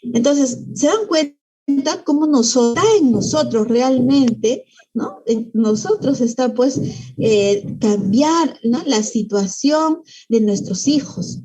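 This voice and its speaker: A woman's voice: sits high, animated, slow, mellow, slightly rough. A woman leading a parenting workshop. She explains patiently and keeps checking in with her listeners through tag questions. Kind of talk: parenting talk.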